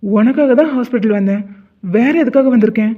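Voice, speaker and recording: A man voicing an irritated young husband in an animated drama, curt and dismissive. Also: extremely high pitch, brisk. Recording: tinny phone-like sound.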